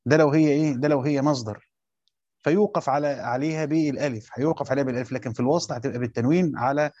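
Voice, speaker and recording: A man's voice: mid-range voice, darkish tone, dry recording. Egyptian man teaching a class, dull recording. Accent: Egyptian Arabic. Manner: explains slowly, repeats points, quizzes the class. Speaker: teacher of Quran commentary. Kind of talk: classroom lesson, questioning students.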